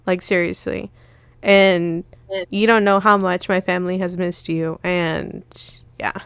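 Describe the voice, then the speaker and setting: This podcast co-host has a fairly low, level voice with vocal fry and a slightly bright, clean tone, and she takes her time. There's no echo as she winds through a lengthy anecdote, quoting the dialogue of the people involved.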